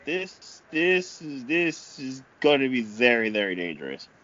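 A man giving improvised amateur wrestling commentary, speaking haltingly and often repeating himself. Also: mid-range voice, very animated, bright, forceful tone, lo-fi sound.

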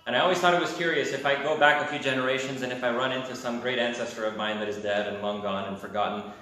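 A man's voice: medium pitch, steady tone, fast, pushed and bright. A man from America teaching a class, asking the students questions and adding wry asides. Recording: very echoey room.

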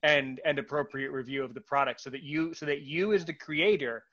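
A man hosting a podcast, talking casually with a guest, halting and repeating his words with many fillers. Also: fairly high pitch, fairly even intonation, a bit bright, dull audio. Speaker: podcast host.

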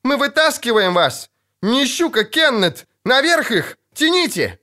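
A man reading an audiobook, voicing a frantic, hot-headed troubadour who yells in a high, strained voice. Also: expressive, measured pace. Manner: yelling, frantic.

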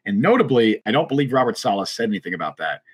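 A man co-hosting a casual sports podcast, talking quickly and animatedly and reading chat comments aloud. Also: on the low side, very animated, husky. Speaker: podcast co-host.

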